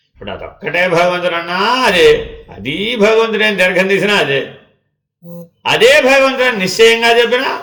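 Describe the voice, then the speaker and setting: A man's voice: sits high, fairly bright tone, echoey room. A man giving a devotional discourse as a spiritual teacher, asking rhetorical questions and repeating refrains, sometimes dropping to a near-whisper.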